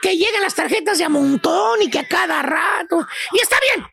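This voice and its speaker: A woman with a Mexican accent doing animated, mocking comedic banter in street slang, full of exclamations. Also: extremely high pitch, normal speed, vocal fry, over a noisy crowd.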